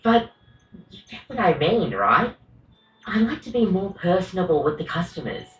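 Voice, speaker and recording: A woman's voice: fairly low pitch, sing-song, normal speed, roomy sound, far from the mic, low-quality recording. A woman voicing a rambling, coffee-obsessed female coffee machine barista in a video game, often apologizing and correcting herself.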